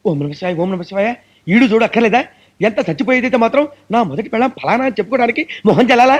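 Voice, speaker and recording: An actor playing a panicky priest who wails and laments melodramatically in film comedy dialogue. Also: male voice, very high-pitched, animated, racing. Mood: indignant. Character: panicky, wailing temple priest, middle-aged.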